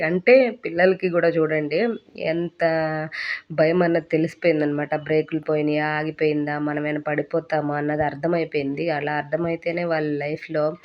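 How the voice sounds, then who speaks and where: A woman in her thirties, a mother narrating a family vlog voice-over in a chatty, amused storytelling way. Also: deep voice. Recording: dull lo-fi recording.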